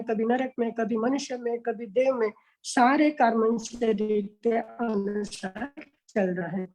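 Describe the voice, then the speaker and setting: A woman with a fairly high voice teaches scripture as a Jain nun, speaking over an online video call. She explains each point step by step and often asks a question aloud before answering it herself. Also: darkish tone, poor audio. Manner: explanatory, poses questions then answers them. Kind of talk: religious lecture.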